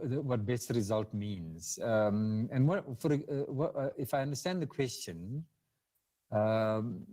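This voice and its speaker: A man with a South African English accent lecturing over a video call, his voice mellow and dark. He speaks haltingly, with fillers and repeated words as he works through technical answers. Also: mid-range voice. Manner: hesitant, with frequent fillers and restarts. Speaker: guest speaker. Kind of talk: webinar lecture and Q&A.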